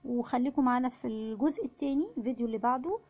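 A woman with an Egyptian Arabic accent giving an online French pronunciation lesson, patiently repeating each example word slowly. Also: on the high side, darkish tone. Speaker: French teacher.

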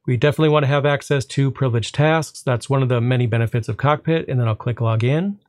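A man hosting a tech tutorial narrates his screen-recorded server tool walkthrough in a mid-pitched voice. Step by step, he keeps things relaxed, building to each punchline with a short pause and an elongated "well."

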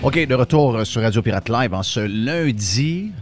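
A man with a Quebec French accent hosting opinionated talk radio, his voice affected by sickness and carrying a smoker's rasp. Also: medium pitch, animated, measured pace, over loud music. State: sick, voice affected. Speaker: radio host.

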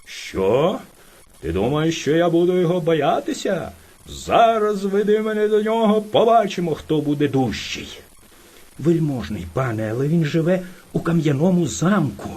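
A hungry bear lord from a storybook reading roars and bullies, as a woman puts him on. His threats swing widely up and down in pitch. The voice has a husky edge. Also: lively intonation, normal speed, few pauses, warm tone. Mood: raging. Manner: roaring, bullying, boastful.

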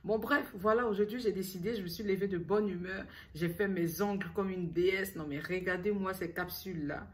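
A woman's voice: medium pitch, fairly quick, hardly any pauses. A young woman from Ivory Coast with an Ivorian French accent, talking to camera in a chatty, teasing vlog. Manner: talks straight to the viewer, teasing, with playful asides. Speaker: beauty vlogger.

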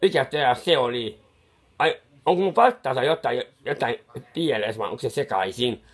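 A man's voice: mid-range voice, slightly rough. A man doing a befuddled muttering clown painter. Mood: muddled. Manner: rambling, confused muttering with restarts; soothing, scolding someone who cries. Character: bumbling, befuddled male clown painter, fussy and kindly. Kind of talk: comic improvised monologue.

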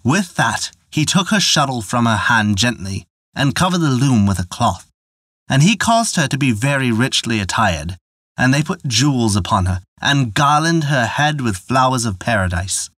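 Guy narrating an old folktale, expressive voice, dead dry mic. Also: mid-range voice, dry recording. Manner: measured, expressive storytelling. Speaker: storyteller.

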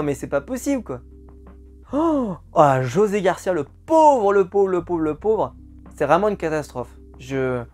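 A man giving a casual, exasperated spoken film review, often repeating words for emphasis. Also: high voice. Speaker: film critic.

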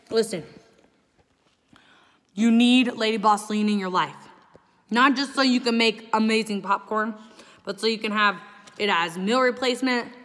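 A young woman gushing in a chatty sales pitch to camera, sometimes talking while she chews. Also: fairly bright tone, in a large hall. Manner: gushing, enthusiastic, talks while chewing. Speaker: host promoting a protein shake.

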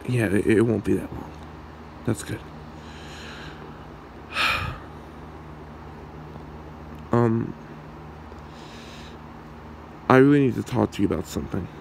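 A man performs an ASMR roleplay as a bashful young man in love who keeps a secret hidden. His low, gravelly voice comes out halting and awkward, with an uneasy mood and a little background noise.

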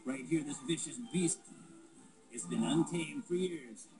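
A man's voice: a little high, a little slow, lightly acted, rough recording. A man voicing a cheerful, boastful little toy frog daredevil in a playful home-movie puppet show, announcing stunts with showy exclamations. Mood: showy, excited. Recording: home video played through television, music behind.

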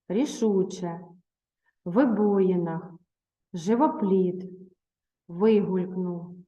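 A woman teacher reading a children's story aloud, then patiently guiding pupils through questions and homework in a measured voice. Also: mid-range voice, warm tone, dull audio. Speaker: primary school teacher.

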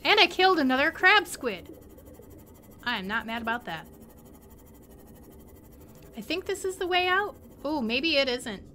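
Bright excitable woman narrating her game, high voice, talks to the sea creatures. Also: measured pace, pauses often, a little hiss or hum. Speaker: gameplay streamer. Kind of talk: let's play commentary.

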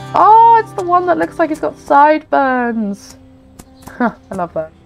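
Female gaming host, nasal and congested as if nose pinched, animated pitch, rambling casual commentary, faint music behind. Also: a little slow, creaky. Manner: chatty, rambling, self-interrupting. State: congested with a cold. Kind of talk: casual chatty game commentary.

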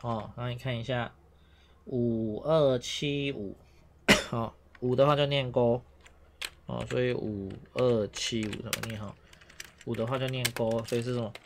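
A man's voice: medium pitch, level tone, moderate pace, slight background noise. A man teaching a beginner Japanese lesson, explaining patiently and repeating himself with many "oh" fillers. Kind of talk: online language lesson.

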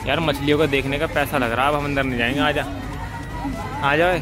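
A man's voice: a little high, fairly even intonation, fairly quick. A young man, chatting casually to his viewers while walking around an outdoor fair. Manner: chatty, joking, addresses viewers as guys. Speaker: vlogger. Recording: loud music and crowd behind.

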